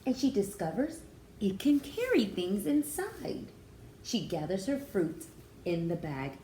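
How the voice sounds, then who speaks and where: Reading a picture book aloud for young children, this woman in her thirties plays the teacher, expressive and explanatory. Her mid-range, dark-toned voice swings widely in pitch and moves a little slowly. Faint background noise and a roomy echo come from the small indoor room.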